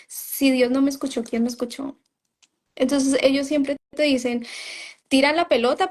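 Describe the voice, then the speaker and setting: Woman, interview guest, personal testimony, conversational storytelling, quotes herself, fairly high pitch. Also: a little mellow. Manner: storytelling, often quoting herself, frequent "¿sabes?" and "o sea". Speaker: interview guest, former member of a religious group.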